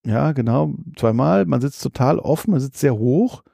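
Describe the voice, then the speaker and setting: A man's voice: medium pitch, animated, moderate pace, creaky, warm tone, dry recording, clean studio sound. A man in casual chat, critical and opinionated, talking with many fillers. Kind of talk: casual chat about theme parks.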